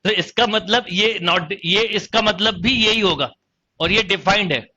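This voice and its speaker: Guy teaching math, high really bright voice, keeps asking the class questions, kinda dull lo-fi sound. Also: unhurried. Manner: explains step by step, quizzing students. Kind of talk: online exam-prep lecture.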